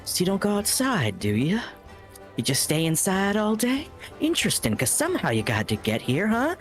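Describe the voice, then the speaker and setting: Player putting on a sly old tavern keeper, pushed up high, swoopy and taunting, faint music. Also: huge pitch swings, normal speed. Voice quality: sly, theatrical. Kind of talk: tabletop role-play acting.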